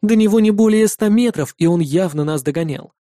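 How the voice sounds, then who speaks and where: A man reading a first-person fantasy adventure in a steady storytelling manner. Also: sits high, brisk, no echo, studio quality. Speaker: audiobook narrator.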